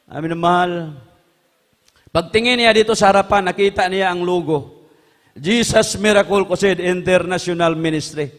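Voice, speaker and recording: A man preaching a sermon, impassioned, swinging from hushed tones to shouts. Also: high-pitched, big-room sound.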